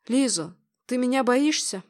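A woman reading aloud plays a composed, pragmatic businessman, quiet and persistent in his advances. She barely changes her own fairly high voice, keeping it calm and intimate. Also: unhurried. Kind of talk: audiobook character voicing.

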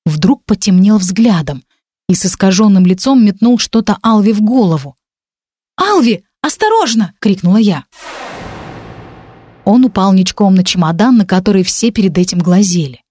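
A woman narrating a first-person audiobook, expressive and animated, pushing her character's lines with urgency. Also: medium pitch, no echo.

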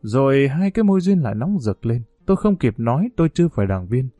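A man narrating a novel in a steady, unhurried storytelling manner. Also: mid-range voice, no room sound, muffled recording, soft background music. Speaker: audiobook narrator.

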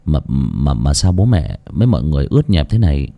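A man's voice: sing-song, a little fast, creaky, muffled recording, full character voice. A man doing a dazed, bewildered young man. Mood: confused. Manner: low, soft and stammering.

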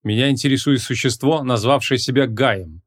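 A man's voice: medium pitch, normal speed, close to an everyday voice. A man reading the part of a stern, short-tempered male archmage in an audiobook, with commanding, curt questions.

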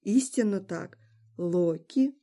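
A woman's voice: mid-range voice, expressive, slow, mellow. Smug teasing trickster god, grown man, hams it up a bit woman reading him in an audiobook. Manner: theatrical, teasing.

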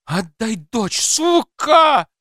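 A man reading aloud and voicing a frantic, furious woman shouting for her daughter in a high, shrieking voice. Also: very animated, normal speed, dry recording, studio quality.

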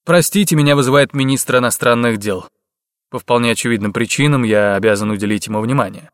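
A man's voice: mid-range voice, fast, dry recording, studio quality, close to an everyday voice. A man voicing a formal male European official who answers politely and in a hurry.

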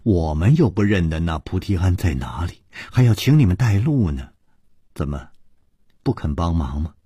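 A man's voice: deep voice, sing-song, moderate pace, mellow, husky, no echo, clean studio sound, heavily acted. A man voicing an insistent young woman coaxing others to help in a martial arts story. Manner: wheedling, insistent.

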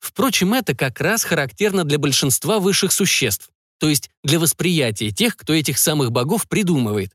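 A male audiobook narrator with a slightly high, lively voice, musing wryly on the story. The recording is dry and close. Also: normal speed, dry recording.

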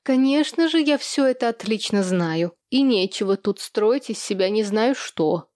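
A woman's voice: medium pitch, expressive, measured pace, darkish tone, dry recording, clean studio sound, lightly acted. A woman voicing a brash, gossipy older sister who mocks and gloats. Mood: irritated. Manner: brash, mocking.

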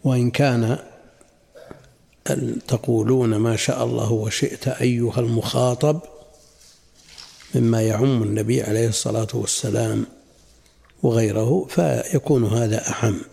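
An older man, a sheikh, teaching a classical religious lesson in a measured way, repeating phrases and asking rhetorical questions. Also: mid-range voice, steady tone, gravelly, mellow, husky.

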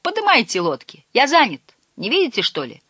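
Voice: high-pitched, wildly swooping pitch, brisk, bright, forceful tone, breathy edge, no room sound, clean studio sound, pitched above the performer's own voice, full character voice. A reader voicing a cheeky, teasing teenage fisherman's son in an audiobook. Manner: teasing, cocky.

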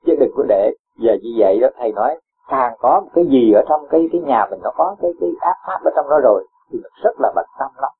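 A Buddhist teacher, gently admonishing a student in a question-and-answer dharma talk and posing rhetorical questions with a chuckle. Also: male voice, mid-range voice, animated, fast, a little hiss or hum. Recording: tinny lo-fi phone-like sound.

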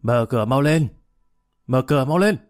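A man voicing a drunk, emotional young man who slurs and shouts. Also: medium pitch, animated, normal speed, dry recording, clean studio sound, natural voice. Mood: drunk shouting. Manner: slurred, shouting, tearful.

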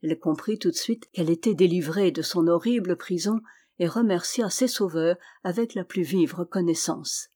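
A woman storyteller reading a fairy tale aloud in a measured, expressive way. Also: on the low side.

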